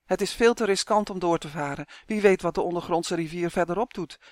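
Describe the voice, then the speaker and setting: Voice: mid-range voice, a little fast, no echo, clean studio sound, close to an everyday voice. A narrator voicing an earnest young boy. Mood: determined. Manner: earnest and determined. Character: brave, practical young human boy. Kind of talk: audiobook character voice.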